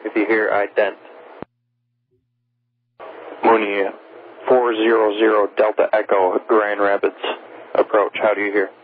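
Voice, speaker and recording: Even-toned male controller, low, over radio. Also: a little slow, pauses often. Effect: radio transmission. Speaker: air traffic controller. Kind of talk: repeated formal radio calls. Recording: tinny narrowband radio with faint static.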